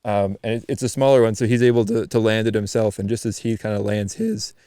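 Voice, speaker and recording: Male podcast guest from eastern Canada, lower voice, dry close sound, animated storyteller with frequent restarts. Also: fast talker, no echo. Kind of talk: casual storytelling chat.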